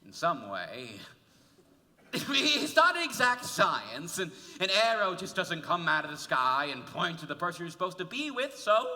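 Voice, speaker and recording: On a school auditorium stage, a man plays a wistful narrator in a musical, musing about a favorite cast album and confiding chattily to the audience. His voice sits high, with huge pitch swings, a sharp tone and a full character voice at normal speed. It was taped from far off in a roomy hall.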